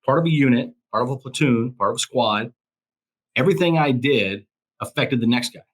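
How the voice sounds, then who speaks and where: A man's voice: medium pitch, fairly quick, husky. A man, a former police officer and crisis coach, speaking as an interview guest in an emphatic way, often repeating phrases for emphasis. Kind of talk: casual interview conversation.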